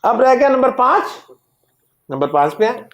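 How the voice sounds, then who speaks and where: A man teaching Arabic grammar in a classroom lecture. He drills word forms slowly and keeps quizzing his students. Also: very high voice, sing-song, fairly bright tone. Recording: echoey classroom recording.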